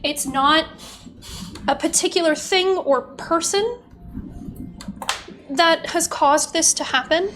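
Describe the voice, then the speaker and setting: A woman narrating a tabletop game as game master, describing scenes in halting, piece-by-piece phrases. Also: very high-pitched, fairly bright tone, a little hiss or hum. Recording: background music.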